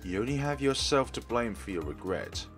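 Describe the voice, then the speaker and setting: Very animated, the man's mid-range voice is fairly bright and moves at a normal speed over soft background music. As a let's play streamer, he reads a visual novel's text aloud with drama and a formal manner, making small stumbles.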